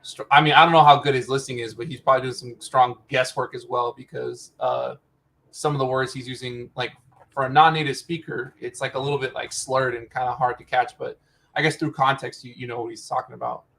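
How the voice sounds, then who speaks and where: A man co-hosting a casual reaction chat over a video call, easygoing, with lots of fillers and quick laughs. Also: medium pitch, steady tone, gravelly, a bit bright. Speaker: co-host.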